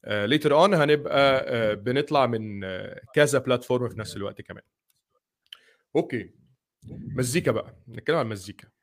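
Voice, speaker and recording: A man's voice: mid-range voice, brisk. A man with an Egyptian Arabic accent hosting a casual podcast chat, mixing English words into his Arabic. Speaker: podcast host.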